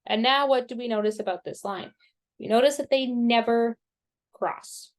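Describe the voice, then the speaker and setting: A woman math teacher explaining graphing step by step in a slow, patient way, with self-deprecating asides, and she has the hiccups. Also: a little high. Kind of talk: recorded screen-share math lesson.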